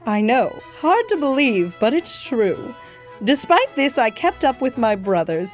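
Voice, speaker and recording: A woman acting as a gracious, proud nurse from history, speaking in a genteel, motherly way. The voice sits fairly high and moves a lot in pitch. Soft music plays faintly behind. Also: big pitch swings, a little slow. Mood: storytelling. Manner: genteel, calls listener "my dear" and "darlings". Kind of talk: scripted educational acting.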